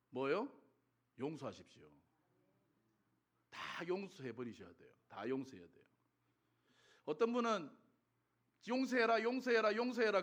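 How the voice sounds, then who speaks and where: A middle-aged male pastor preaching a sermon, telling stories with humor and acting out his own prayers. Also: sits high. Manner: animated storytelling, acts out his own prayers; laughs often, jokes with the congregation.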